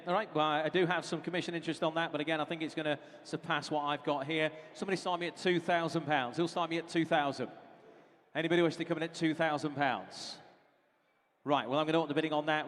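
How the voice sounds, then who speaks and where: A man's voice: fairly high pitch, fairly even intonation, fast talker, a little hiss or hum. A British man working as an auctioneer, calling bids in a running patter of repeated figures and prompts to bidders. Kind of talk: live auction calling, running bid chant. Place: large reverberant auction hall. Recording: reverberant hall sound.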